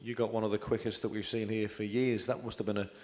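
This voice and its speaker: A man's voice: fairly low pitch, level tone, fast talker, darkish tone, in a large hall. A man presenting a studio show, asking polished, leading questions.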